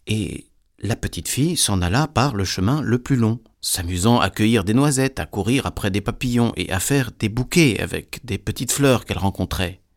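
A man reading a fairy tale aloud in a measured, deliberate way. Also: on the low side. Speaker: storyteller.

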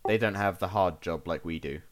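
A man co-hosting a podcast as an archaeologist, excitable and quick to laugh, with trailing restarts. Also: deep voice, slight background noise. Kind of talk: casual chat.

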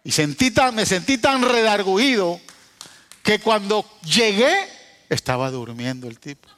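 A man preaching a sermon, telling a story and then teaching, swinging from hushed asides to raised cries. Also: high voice, lively intonation, a little slow, slight background noise. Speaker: pastor. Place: church hall. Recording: preached in a hall with long reverb.

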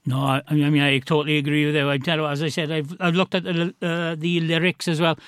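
A man's voice: a little high, flat delivery, brisk, a bit bright, clean tone, no room sound, clean studio sound. A man from the South Wales Valleys with a local accent, hosting a casual interview in an effusive, matey, rambling way. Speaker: radio host, interviewer.

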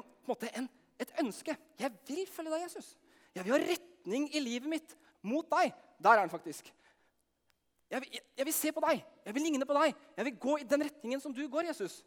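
Male preacher, very high voice, lively and engaging, large reverberant hall. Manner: energetic, asks the audience questions, shouts to lead cheering. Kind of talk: lively sermon with audience participation.

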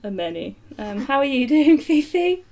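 A woman's voice: high voice, sing-song, moderate pace, gravelly, darkish tone, low-quality recording. Woman cohosting a chatty comedy podcast, jokey and laughing a lot. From outskirts of London, England. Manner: jokey, playful, laughs easily. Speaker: podcast co-host. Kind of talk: casual comedic chat.

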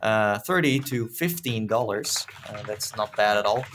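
A man's voice: on the low side, lively intonation, a little slow, fairly bright tone, slight background noise. A man with a Dutch accent hosting a casual gaming news chat, talking with many fillers and restarts. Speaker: podcast host.

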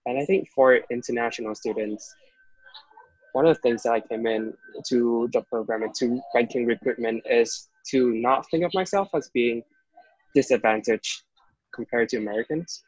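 A man's voice: medium pitch, normal speed, no room sound. Young man from vietnam, hesitant, restarts often, dry muffled audio. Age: young adult. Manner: hesitant, many restarts and fillers. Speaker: guest. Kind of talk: casual interview. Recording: dull, dry recording.

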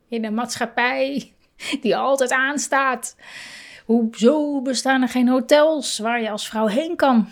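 A woman giving a reflective talk on parenting and feelings, speaking slowly and thoughtfully with soft laughs and pauses. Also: on the high side.

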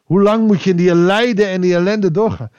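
A man preaching a devotional sermon, reflective and pausing, rising with emphasis and then dropping to a quiet voice. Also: sits high, clean tone, dull audio.

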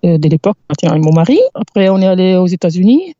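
Brief: Italian-accented woman, 40s, mellow, hesitant and searching for words, laughing easily, dry muffled outdoor recording. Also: lowish voice, lively intonation, fast, no room sound. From Italy. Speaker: podcast guest, cycling activist. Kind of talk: casual interview chat. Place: outdoors in a meadow, sitting against a tree.

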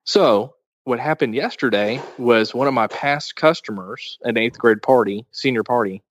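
A man's voice: medium pitch, normal speed, slight background noise. A man co-hosting a podcast, chatting casually and telling long anecdotes. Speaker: podcast co-host.

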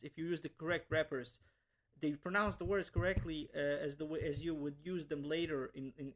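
This young Bosnian man teaches languages and answers interview questions earnestly, often restarting and repeating words. His voice sits a little high and has some vocal fry.

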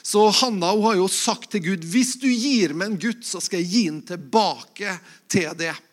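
A man giving an informal sermon, talking hesitantly with many fillers and restarts and asking the listeners questions. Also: high voice. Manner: conversational, asks the listeners questions. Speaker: preacher. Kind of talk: informal sermon with Bible reading.

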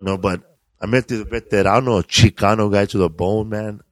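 Low deep-voiced comedian guy, swears a lot, rambling stories, dry close mic. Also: steady tone, moderate pace, no echo. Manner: profane, rambling, laid-back delivery. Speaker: comedian and podcast host. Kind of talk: casual storytelling chat.

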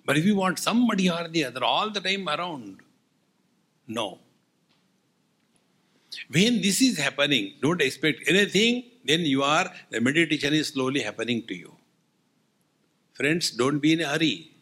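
A man's voice: fairly high pitch, lively intonation, moderate pace, long pauses, fairly bright tone. A man with an Indian accent giving a spiritual discourse as a swami, telling humorous anecdotes in a wry, teasing way with rhetorical questions.

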